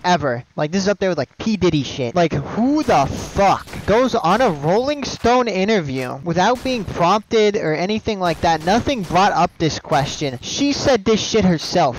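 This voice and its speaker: A man's voice: sits high, slight background noise, rough recording. A man hosting a commentary video, ranting in an exasperated, mocking and profane way. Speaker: commentary channel host.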